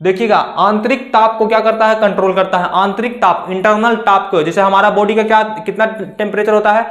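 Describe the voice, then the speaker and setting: A man teaches in an echoey room, his voice pitched high for a man. He explains things by firing rhetorical questions and answering them himself, repeating key words in an easy, conversational way. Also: fairly even intonation, fairly quick, a bit bright. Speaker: exam coaching teacher. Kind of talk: classroom lecture.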